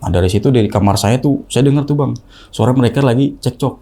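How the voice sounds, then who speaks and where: A young man telling a ghost story in casual talk, acting out the quoted voices in a higher pitch. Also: fast talker. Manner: animated, acts out the quoted voices with rising pitch. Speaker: guest storyteller.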